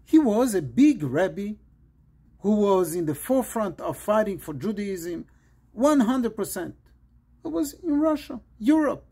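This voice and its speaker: A man from Morocco, a rabbi, giving an earnest pre-Shabbat sermon in short, measured phrases. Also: sits high, sing-song, dark tone, slightly rough.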